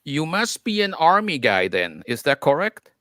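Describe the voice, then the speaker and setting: Lively Swiss-accented man in casual chat. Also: on the high side, moderate pace, no echo, studio quality. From Switzerland.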